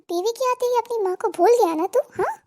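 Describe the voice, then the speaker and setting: A woman's voice: very high voice, a little fast, darkish tone. A woman voicing a scolding, sarcastic mother-in-law in a cartoon comedy. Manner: nagging, sarcastic, theatrical complaining. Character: scolding middle-aged Indian mother-in-law.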